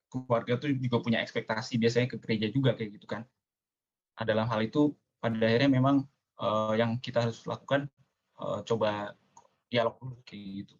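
Hesitant young man. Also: mid-range voice. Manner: hesitant, repeats words. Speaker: panel guest. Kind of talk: casual chat. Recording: dull lo-fi sound.

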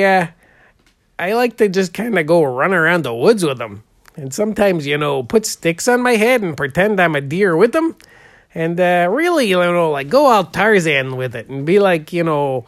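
A man's voice: high voice, dry recording, clean studio sound. A man playing a goofy, heavyset portrait painter in an improvised comedy interview, drawling and rambling with lots of "uh" and "there".

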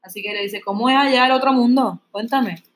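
A woman's voice: fairly high pitch, brisk, natural voice. A woman voicing a frightened comic male servant who pleads and rambles nervously in a slightly raised voice. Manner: whiny, pleading, rambling questions.

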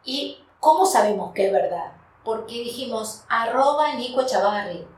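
A woman with a Rioplatense Argentine accent, a food business owner telling stories as a podcast guest, animated and quick to laugh. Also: a little high, reverberant, recorded from a distance, rough recording. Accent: Rioplatense Argentine Spanish. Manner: animated storyteller, laughs often. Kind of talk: casual podcast interview.

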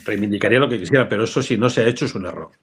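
Older man, low-voiced, animated anecdote teller in a live interview. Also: racing, breathy edge. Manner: animated storyteller, acts out quoted voices. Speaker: real estate professional, guest. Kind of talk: casual live interview chat.

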